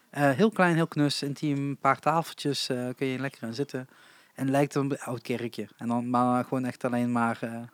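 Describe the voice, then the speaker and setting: A man's voice: mid-range voice, no echo. Casual male talker, hesitant and chatty, dry close recording. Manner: chatty, frequent hesitations and laughs. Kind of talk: casual chat about live music venues.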